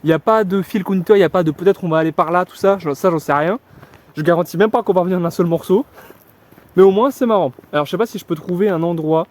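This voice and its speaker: A man's voice: sits high, fast. Chatty young man rambling outdoors. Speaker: vlogger. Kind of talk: casual walking vlog. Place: outdoors in a forest.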